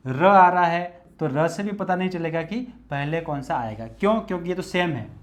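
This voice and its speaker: A man's voice: fairly high pitch, animated, moderate pace. A male Hindi lecturer teaching an exam-prep lesson, explaining each step methodically and repeating it while he writes.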